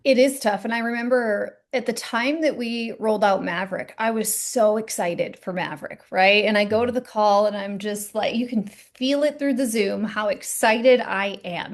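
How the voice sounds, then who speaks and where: A woman co-presenting a training session, telling stories in a quick, animated way. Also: mid-range voice, vocal fry. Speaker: team leader and co-presenter. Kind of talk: casual training talk.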